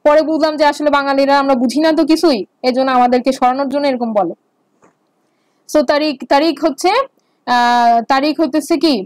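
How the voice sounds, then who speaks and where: A woman's voice: high-pitched, steady tone, a little fast, darkish tone, no room sound. A woman teaching basic Arabic grammar in an online lecture, explaining patiently and repeating words. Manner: explains patiently with repetition and fillers.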